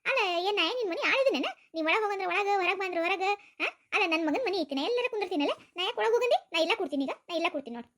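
A woman's voice: very high-pitched, lively intonation, rapid-fire, a bit bright. A woman with a North Karnataka accent playing a bossy, taunting old mother-in-law in a village comedy sketch. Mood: defiant. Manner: taunting, domineering.

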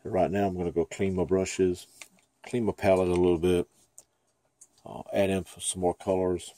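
A man's voice: deep voice, level tone, moderate pace, mellow, no room sound. A man giving a casual, chatty painting lesson at his easel, thinking aloud as he works. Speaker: painting instructor. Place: dim room at an easel.

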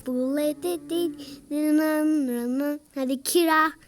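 Stuffy-nosed girl yelling over a game. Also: sits high, takes it slowly. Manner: excitable, yells and groans at the game. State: stuffy nose from a cold. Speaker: YouTuber. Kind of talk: gameplay commentary.

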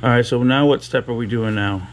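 A man's voice: mid-range voice, fairly quick, soft background music. A man filming in a machine shop, asking short questions and giving short upbeat remarks. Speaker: camera operator. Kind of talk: casual shop chat.

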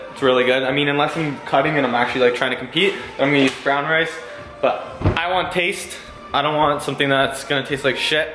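A young man in his twenties talks through his day in a laid-back way, filler-heavy and casual with the odd swear. His voice sits a little high for a man. He's filming on a handheld camera at arm's length in a home kitchen with a roomy, echoey sound. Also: background noise. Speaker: vlogger. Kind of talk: casual vlog walkthrough.

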